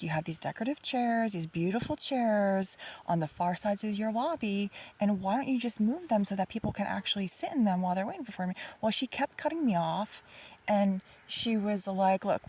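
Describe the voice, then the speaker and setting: A woman's voice: medium pitch, darkish tone, husky, recorded from a distance. A woman telling an aggrieved, rambling complaint story to camera, full of fillers and sometimes dropping to a near-whisper. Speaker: vlogger.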